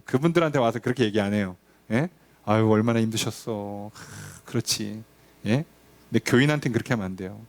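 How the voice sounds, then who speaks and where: A male pastor teaching a Bible study, talking conversationally with his congregation and acting out quoted voices. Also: mid-range voice. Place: church.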